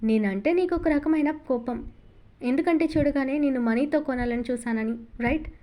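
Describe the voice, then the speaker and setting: A woman's voice: high-pitched, normal speed, warm tone, natural voice. A woman voicing a young man, an ardent and tender loving husband, in an audiobook novel reading, with a fond, coaxing manner. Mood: teasing.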